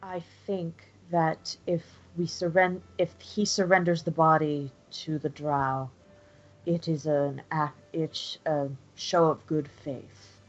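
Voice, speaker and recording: A woman's voice: sits low, fairly even intonation, slow. A woman speaking in character during a tabletop role-playing game. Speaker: player. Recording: muffled sound with music behind. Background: music.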